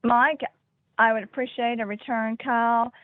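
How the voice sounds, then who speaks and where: A woman's voice: on the high side, steady tone, a little slow, dry recording. Lady's phone voicemail played back, terse request, tinny narrow line, dry. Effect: voicemail played back over a phone line. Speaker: caller leaving a voicemail.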